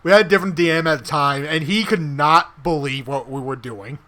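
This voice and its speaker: A man co-hosting a podcast, chatting casually and telling animated stories about a tabletop campaign, acting out characters' lines. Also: on the high side, brisk, crowd noise. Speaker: podcast co-host and tabletop player. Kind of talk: casual chat.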